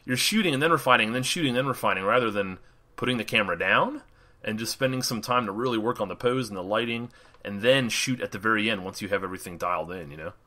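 A man's voice: lowish voice, quick pace, bright, forceful tone. A male wedding photographer co-hosting a podcast, talking casually and rambling with lots of fillers and laughs.

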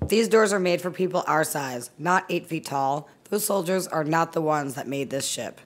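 An actress playing a tough, blunt female ship engineer in an audio drama, crude and deadpan, with a low, gravelly voice. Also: moderate pace.

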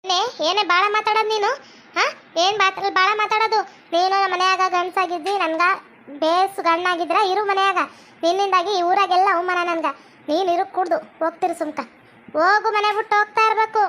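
A woman playing an angry wife in a comedy skit, scolding loudly. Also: very high-pitched, steady tone, fairly quick. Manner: scolding, loud, insulting.

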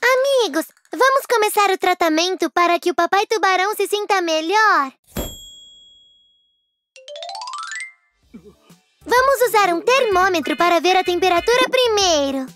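A very high, childlike cartoon nurse fish. The little helper is caring and cheerful, exclaiming and encouraging young viewers over light music. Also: female voice, expressive, a little fast, few pauses, a bit bright. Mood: urgent, eager.

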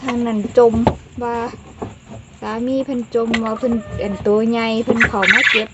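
A woman with an Isan Thai accent chatting casually while doing farm chores, softly coaxing her poultry and slipping into simple English. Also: a little high, little pitch movement, moderate pace, highs cut off. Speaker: vlogger. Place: outdoor poultry coop at night. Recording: loud background noise and clucking poultry.

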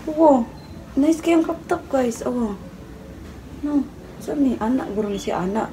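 A woman's voice: high-pitched, lively intonation, measured pace. A young woman doing a chatty, teasing comic parody of a live-selling stream. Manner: chatty, teasing, addresses viewers as guys. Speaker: comedy vlogger. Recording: loud background noise.

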